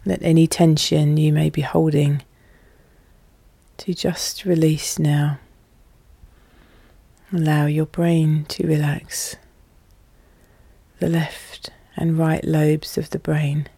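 A podcast host guiding relaxation in a calm, soothing, soft and hushed voice, with measured, deliberate phrasing. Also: mid-range voice, gravelly, slightly rough, no room sound. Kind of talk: slow, soothing guided hypnosis narration.

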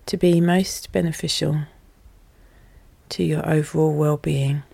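A podcast host guiding relaxation in a calm, soothing, soft and hushed voice, with measured, deliberate phrasing. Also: medium pitch, vocal fry, husky, dry recording. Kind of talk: slow, soothing guided hypnosis narration.

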